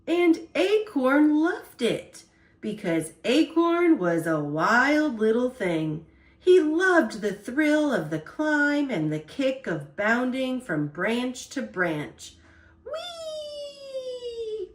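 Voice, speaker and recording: A slightly high-pitched female storyteller gives an expressive, carefully paced reading of a children's picture book, her words echoing off the room.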